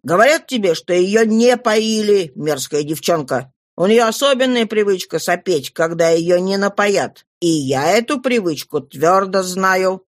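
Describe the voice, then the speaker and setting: A woman voicing a rough, angry male peddler who speaks loudly and insistently. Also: medium pitch, lively intonation, a little slow, hardly any pauses, no echo, studio quality, natural voice. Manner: gruff, loud and insistent.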